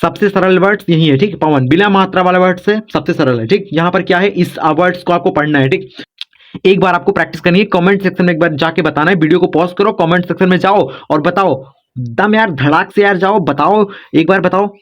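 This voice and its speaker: A man's voice: sits high, brisk, highs cut off. A man giving a casual spoken lesson as a teacher, patient and repetitive, coaxing his students along. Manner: repetitive, coaxing, says "dekho" and "yaar" often.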